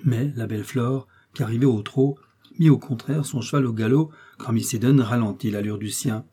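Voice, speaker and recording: Male audiobook narrator, steady measured delivery, mellow raspy tone. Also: medium pitch. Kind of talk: dramatic novel narration.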